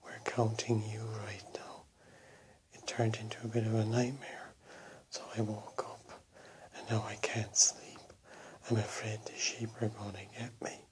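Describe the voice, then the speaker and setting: Flat, whispering middle-aged man. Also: fairly low pitch. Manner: hushed, deadpan, slow telling of trying to sleep by counting sheep. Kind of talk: whispered comic monologue. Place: small bedroom, lying in bed. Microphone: phone or webcam held close to face.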